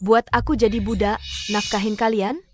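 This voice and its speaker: A scheming young daughter voiced by a woman speaks in a slightly high, sugary, coaxing tone that curdles into cold mockery. Faint music plays under the dubbed drama. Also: level tone, moderate pace, no room sound, natural voice. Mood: cold mocking. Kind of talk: dubbed mini-drama acting.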